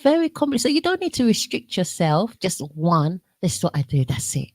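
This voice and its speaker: A woman with a South London accent hosting a radio show, gushing warmly with praise in casual interview chat. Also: medium pitch, big pitch swings, brisk, no echo.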